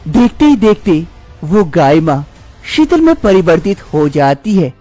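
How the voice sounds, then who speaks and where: A woman telling a storybook tale as scripted narration, in a steady, plain narrating tone. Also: fairly low pitch, measured pace, soft background music.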